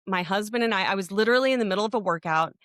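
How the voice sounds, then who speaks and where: A woman's voice: mid-range voice, rapid-fire, fairly bright tone, dry recording, clean studio sound. A woman, co-hosting a podcast, telling a story in a rambling way full of restarts and fillers. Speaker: podcast co-host. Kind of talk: casual podcast chat.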